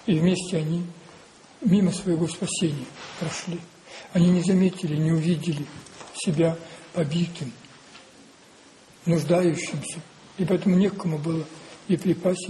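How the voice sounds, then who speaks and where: Slow, mellow-voiced male preacher. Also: a little high, steady tone, a little hiss or hum, poor audio. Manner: slow, deliberate, repetitive, with rhetorical questions. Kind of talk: sermon.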